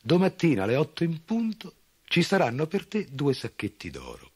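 A man playing a greedy old male farmer who grumbles and snaps gruffly. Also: on the high side, wildly swooping pitch, moderate pace, pitched above the performer's own voice, exaggerated voice. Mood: grumbling.

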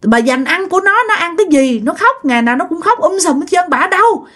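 A woman's voice: very high voice, sing-song, brisk, fairly bright tone, voice pushed up, exaggerated voice. A woman voicing a poor young mother, scolding with indignant questions.

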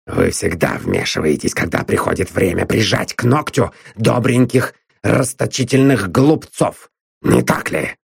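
A man's voice: lowish voice, big pitch swings, a little slow, gravelly, husky, no room sound, studio quality, heavily acted. A man doing a growling, bullying thug in a storybook. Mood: menacing. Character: gruff, sneering middle-aged male blackmailer.

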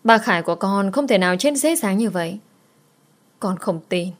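A woman's voice: mid-range voice, lively intonation, normal speed, close to an everyday voice. A woman voicing a sad young girl who pleads tearfully with her mother. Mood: pleading.

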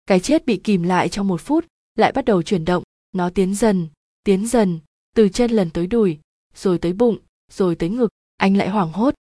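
Woman reading a sad story, emotive, dark warm tone, dry sound. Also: medium pitch, no echo. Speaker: narrator. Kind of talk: scripted story narration.

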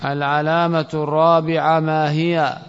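A man's voice: a little high, flat delivery, moderate pace. A man teaching a classroom grammar lesson, quizzing students and calling on them by name. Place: classroom or mosque hall. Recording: lo-fi recording with long hall reverb.

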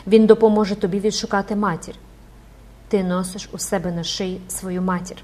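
A woman's voice: medium pitch, steady tone, a little fast, a little mellow, slight background noise, lightly acted. Woman doing a frightened young girl. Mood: tender. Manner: pleading, crying out for help.

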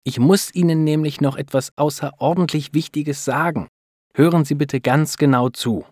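A man's voice: on the high side, fairly even intonation, moderate pace, darkish tone, no echo, studio quality, voice pushed up, lightly acted. A man voicing a serious female lab doctor who speaks earnestly and hesitates over bad news. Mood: firm.

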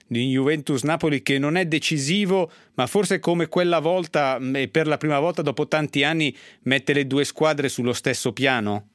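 A man's voice: on the high side, moderate pace, a bit bright, no echo, studio quality. A man hosting a sports radio show, presenting to listeners and putting questions to guests.

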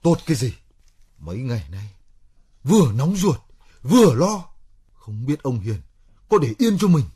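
Brief: bitter, quick-tempered young man, radio drama, husky, very animated. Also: mid-range voice. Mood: agitated. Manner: hot-tempered, bitter, complaining. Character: hot-headed poor young man lodging with others.

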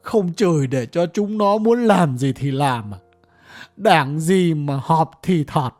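A reader voicing a bitter old village man, a former official who rants and curses through his grief in a slow, lively audiobook character voice. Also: medium pitch, faint music behind. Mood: furious. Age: older. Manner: ranting, grieving, coarse cursing.

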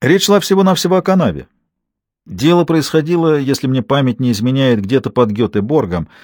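A man's voice: mid-range voice, animated, brisk, a little mellow, no room sound, studio quality, natural voice. A man reading an audiobook, voicing an amused, chatty government official. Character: jolly talkative man, state secretary. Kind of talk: audiobook character voice.

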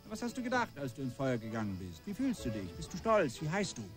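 An actor playing a pushy, excitable newspaper reporter in a radio drama. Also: male voice, medium pitch, quick pace, soft background music. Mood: questioning.

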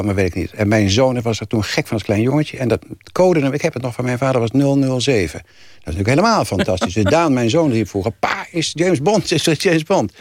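A man's voice: mid-range voice, no room sound, studio quality. An older man, an author, telling anecdotes as a guest in a radio interview. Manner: animated storyteller, rises when telling family anecdotes.

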